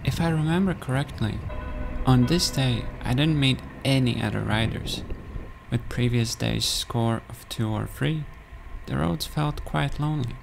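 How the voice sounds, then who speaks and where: A young man from Latvia, giving calm, matter-of-fact voice-over narration of his own journey. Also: mid-range voice, a little slow, vocal fry, over music. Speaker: cyclist recounting a race. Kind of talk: scripted narration.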